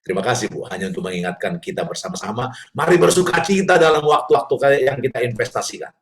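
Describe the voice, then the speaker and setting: A man telling family stories as a guest on a parenting talk show, animated and acting out scenes, with an Indonesian accent. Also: medium pitch, quick pace. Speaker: guest speaker, father.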